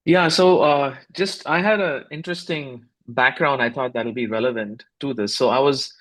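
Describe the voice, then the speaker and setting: A man's voice: mid-range voice, a bit bright. Reflective man in his fifties. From India. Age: 50s. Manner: reflective, measured, with frequent fillers and restarts. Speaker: guest, startup founder. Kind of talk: casual podcast interview.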